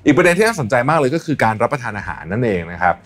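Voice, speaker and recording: Fast-talking, husky male podcast host. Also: mid-range voice, big pitch swings, fairly bright tone. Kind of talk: conversational interviewing and explaining health advice.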